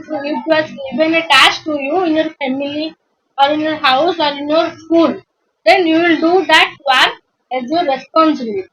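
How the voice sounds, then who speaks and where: A woman teacher with a high, light voice walks pupils through an English lesson. She repeats points, asks the class "yes or no," and acts out their excuses. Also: sharp tone, slight background noise, rough recording. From India.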